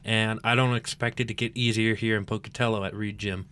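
Smooth-voiced young man hyping the home team. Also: on the low side, level tone, fairly quick, a bit bright. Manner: playful, hype-building. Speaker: sports show co-host. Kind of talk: casual sports preview chat.

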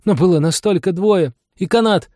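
A man's voice: high voice, normal speed, mellow, no echo, clean studio sound, pitched above the performer's own voice. A frantic, tearful boy apprentice. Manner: breathless tearful outpouring. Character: weeping frantic boy apprentice, thirteen, cheeky. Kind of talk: audiobook character voice.

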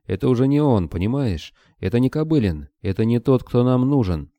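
A man's voice: lowish voice, animated, a little slow, dark tone, dry recording. A man playing a harsh barking leader. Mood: shouting. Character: bearded hot-tempered man, gang leader.

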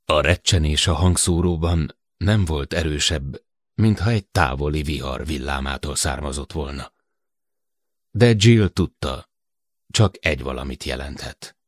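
A man narrating a science fiction audiobook, expressive and measured. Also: a bass voice, no echo, clean studio sound. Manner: expressive storytelling.

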